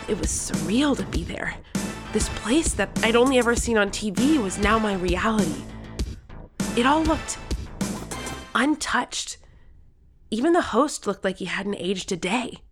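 A woman voices an eager, competitive thirteen-year-old girl narrating her own tale in an audio drama, with a lightly acted touch. Her medium-pitched, animated delivery moves at a measured pace with long pauses, set over music.

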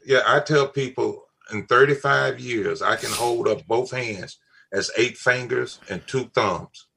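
A man's voice: mid-range voice, measured pace, vocal fry, pushed and bright, slightly rough. An older man, talking in a casual family chat, emphatic and repeating his key phrases. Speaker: father on a family talk show.

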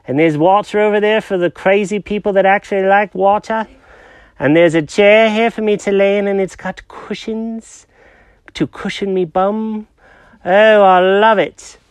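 A storyteller voicing an anxious, excitable male cat who fires off worried questions. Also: medium pitch, clear, resonant tone, no room sound, voice pushed up, natural voice. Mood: delighted. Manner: fretful, asks rapid worried questions. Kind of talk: storytelling with character voices.

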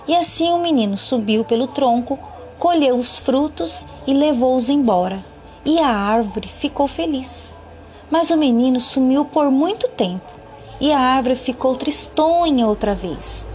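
A woman reading a children's story aloud in calm, measured narration, then commenting on it. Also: high-pitched.

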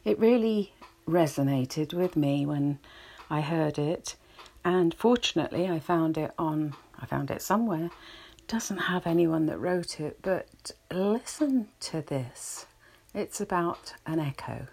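A woman guiding a relaxation session in a slow, soothing, reflective way. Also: low voice, animated, gravelly, darkish tone, slightly rough. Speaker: relaxation guide. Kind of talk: guided relaxation talk.

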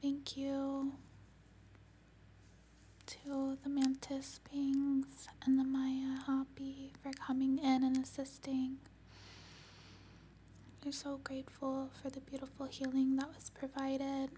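A woman leading an ASMR-style guided healing meditation in a serene, soothing voice, breathy and often whispered. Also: high-pitched, monotone, slight background noise. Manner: serene, soothing, slow and gentle delivery.

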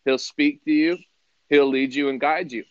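A man's voice: fairly high pitch, steady tone, moderate pace, no echo, dull audio. A man preaching on a live broadcast, earnest and conversational as he quotes scripture.

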